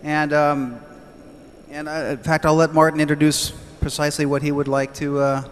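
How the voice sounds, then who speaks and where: A man's voice: on the high side, little pitch movement, normal speed, soft background music. A man hosting a conference, rambling and full of fillers as he introduces the next session. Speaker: event host. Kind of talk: announcing at a conference. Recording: echoey hall, faint background noise.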